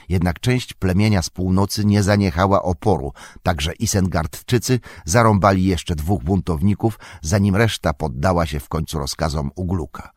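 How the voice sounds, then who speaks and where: A male audiobook narrator reading fantasy prose in a steady, measured way. His voice is very deep and husky, recorded close and dry with no room sound. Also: no room sound.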